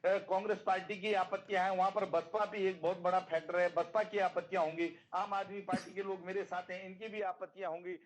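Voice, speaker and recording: A man appearing as a politician guest in a TV debate, making his case in a measured, formal way. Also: sits high, level tone. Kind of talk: TV debate over a remote link.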